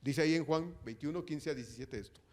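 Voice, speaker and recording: A man's voice: on the high side, fairly quick. A man preaching a sermon as pastor in a church, asking the congregation rhetorical questions and calling them brother. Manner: rhetorical questions with frequent tag questions; addresses listeners directly as brother.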